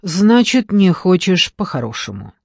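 A man reading an audiobook, voicing a cold, mocking female interrogator who speaks calmly and sneers. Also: high voice, measured pace, vocal fry, no echo, full character voice. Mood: menacing. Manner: calm, sneering, dry laugh.

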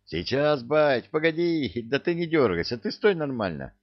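A man's voice: mid-range voice, sing-song, normal speed, voice pushed up. A man voicing a meek, clumsy young soldier pleading with his father. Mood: placating. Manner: pleading, whiny. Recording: dull dry recording.

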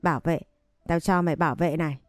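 A woman's voice: low-pitched, fairly even intonation, quick pace, dry recording, studio quality, faint music behind, natural voice. A woman voicing a spoiled, brutish young man who bullies and sneers. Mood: angry. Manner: harsh, contemptuous shouting.

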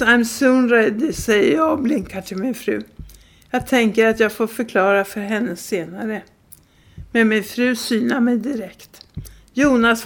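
A woman reading a humorous first-person story aloud from a book, in a deadpan storytelling manner. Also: fairly high pitch. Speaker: reader.

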